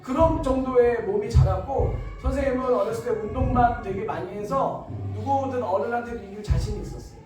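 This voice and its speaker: A man's voice: very high voice, a little fast, few pauses, over music. A man giving an emotional testimony in church, telling his story dramatically and acting out the voices in it. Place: church hall. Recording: echoey room, far from mic.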